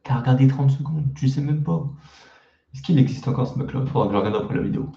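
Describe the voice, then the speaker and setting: A man's voice: mid-range voice, fast, gravelly, dark tone, reverberant, lo-fi sound. A man casually reacting to his own old videos, mocking them with crude slang and self-deprecating jokes.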